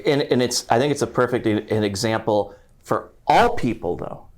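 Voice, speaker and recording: A man on a panel talks in a relaxed, conversational way as he gives his opinion. His pitch sits right in the middle for a man, and his delivery is plain and unhurried. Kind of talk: casual panel discussion.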